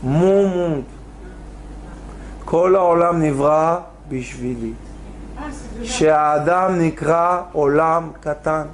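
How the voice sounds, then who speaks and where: A man with a voice on the high side, speaking at a measured pace and pausing often, teaches a Torah class as a rabbi in a lecture hall. He tells stories, uses Hebrew words and performs pleading cries that climb upward.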